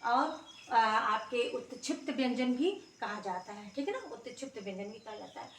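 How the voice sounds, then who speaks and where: A woman's voice: on the high side, animated, normal speed, a bit bright, slight background noise. A woman teacher giving a grammar lesson to children, patiently sounding out letters and often checking that everyone is following. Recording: roomy echo, mic far off.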